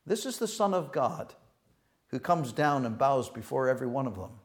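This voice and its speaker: A man preaching a sermon in an earnest, halting way, often restarting his words and swinging between soft reflection and loud emphasis. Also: mid-range voice, very animated.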